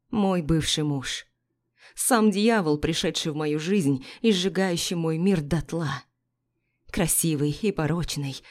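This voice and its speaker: A woman's voice: low-pitched, darkish tone. A woman reading a first-person romance novel aloud, dramatic and emotional. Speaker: audiobook narrator.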